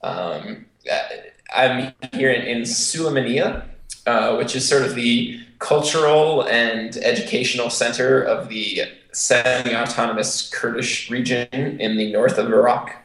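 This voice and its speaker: American guy on a podcast call, wordy and halting, really echoey like he's in an empty bunker room. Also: medium pitch, a bit bright. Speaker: podcast co-host. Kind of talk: casual discussion. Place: sparsely furnished bare room with a desk, indoors. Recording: echoey bare room, remote internet call.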